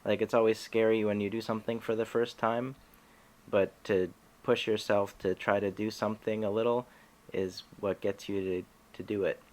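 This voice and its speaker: A man hosting a comedy podcast in casual chat, talking haltingly with many restarts and little laughs. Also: lowish voice, level tone.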